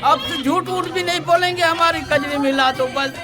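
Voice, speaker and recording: An actor playing an anxious, indebted village farmer who grumbles and scolds. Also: male voice, very high voice, normal speed. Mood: pleading. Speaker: villager in debt. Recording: film soundtrack with background music.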